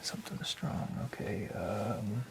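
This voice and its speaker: In an ASMR noir radio drama, a man plays a friendly, nosy bartender, speaking in a hesitant, chatty half-whisper full of uhs. His gravelly low whisper is expressive and slow, a full character voice, with background noise present.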